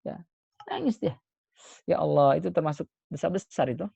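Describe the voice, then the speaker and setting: A male Islamic preacher giving a sermon, expressive, moving between emphatic points and soft, hushed asides. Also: a little high, normal speed, gravelly, slightly rough, dry recording, highs cut off. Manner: expressive, swings between emphatic and soft hushed delivery, frequent pious exclamations.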